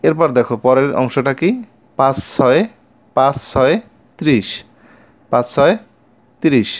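A man's voice: mid-range voice, fairly even intonation, a little slow. A Bengali-accented man teaching young children their times tables, repeating each line twice and asking the class questions. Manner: addresses pupils directly with questions. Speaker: math teacher.

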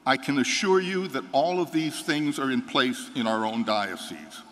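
Older man, American priest, earnest homily, mid-pitched voice, reverberant church. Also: a bit bright, slight background noise. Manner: earnest, measured, building to firm conviction. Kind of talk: reading the gospel and preaching a homily. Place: large church sanctuary, seated before an altar. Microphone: fixed microphone at the altar.

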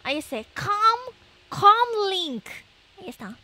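A woman's voice: big pitch swings, slow pace. A woman livestreamer with an anime-like voice, chatting casually and playfully with viewers, often exclaiming and repeating herself. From Japan. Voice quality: very high anime-like voice.

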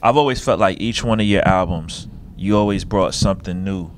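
A man hosting a podcast interview, dropping slang and quick affirmations while his guest talks. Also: low-pitched, a little hiss or hum. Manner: laid-back slang, short affirmations. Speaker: podcast host. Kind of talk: casual interview chat.

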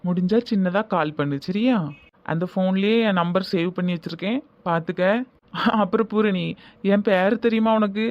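A man's voice: high voice, moderate pace, highs cut off, lightly acted. A man voicing an earnest, eager young groom who coaxes and repeats small requests, with a Tirunelveli accent, for a comedy cartoon. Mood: coaxing. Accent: Tirunelveli Tamil. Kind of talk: cartoon voice acting.

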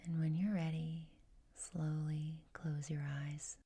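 A woman leads a meditation in a soft, mellow, lowish voice with a level tone. She speaks very slowly and gently, husky and whispery with a creaky edge, giving each instruction in a soothing, unhurried way.

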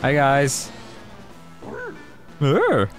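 A man's voice: mid-range voice, wildly swooping pitch, extremely slow, soft background music. A man giving joking, casual commentary while playing a video game. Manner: joking, exclamatory. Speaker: let's player.

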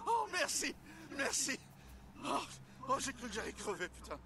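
A man's voice: extremely high pitch, wildly swooping pitch, normal speed, vocal fry, exaggerated voice. A man playing a frightened, grateful survivor in a video game, with a breathless, pleading delivery. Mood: shaken relief. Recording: distant game audio with vehicle noise.

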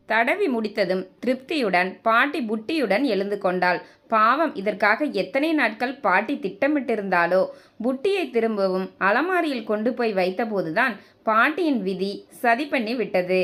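A woman storyteller giving a measured, expressive scripted narration of a family tale. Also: on the high side.

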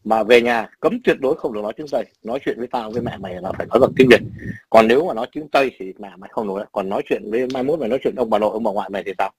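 A man's voice: on the low side, very fast, slightly rough, no echo, low-quality recording. A man in his sixties from Vietnam with a Northern Vietnamese accent, telling blunt, profane stories in casual chat. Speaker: emigrant father.

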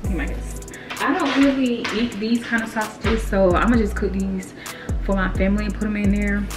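A woman's voice: mid-range voice, fairly even intonation, moderate pace. Chatty young woman in her kitchen. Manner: chatty, loose and informal, talks straight to viewers. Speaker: vlogger. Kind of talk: casual cooking vlog. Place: home kitchen, indoors. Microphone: camera mic, filmed by a helper. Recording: background music under the voice.

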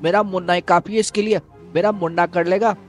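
A man voicing a loud, excited male cartoon character who cheers on his buddy in a game video. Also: fairly quick, faint music behind, lightly acted. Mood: cheering. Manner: shrill, hyped, doting.

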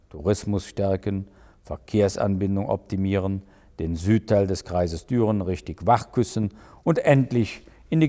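A male crime author reading aloud from his own novel in a lively, expressive way. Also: on the low side, big-room sound.

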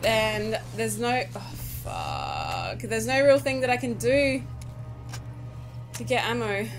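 A woman's voice: on the high side, big pitch swings, slow pace, over music. A woman giving casual commentary over her own gameplay, nervous, swearing and pleading with the game. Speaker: gaming YouTuber.

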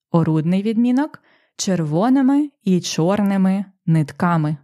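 Slow-speaking woman teaching a language lesson. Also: fairly low pitch, dark tone. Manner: slow, careful, with pauses and fillers. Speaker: language teacher and podcast host.

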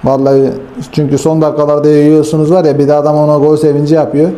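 A man giving casual, excitable commentary over a football video game, talking straight to his viewers and swinging from hype to frustrated grumbling. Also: a little high, fast. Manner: talks straight to viewers as friends. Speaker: gaming YouTuber.

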